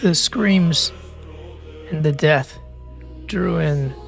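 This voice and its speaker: A man's voice: on the high side, extremely slow, creaky, faint music behind, voice pushed up, exaggerated voice. A man voicing a weary, haunted male warrior who survived a massacre, speaking solemnly and earnestly in a tabletop role-play. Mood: grim.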